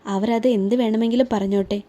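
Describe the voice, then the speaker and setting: A woman voicing a shy young woman who speaks softly and hesitantly in a romantic audio story. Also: on the high side, fairly even intonation, a little fast, close to an everyday voice. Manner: soft, hesitant. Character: shy young woman, soft-spoken office helper.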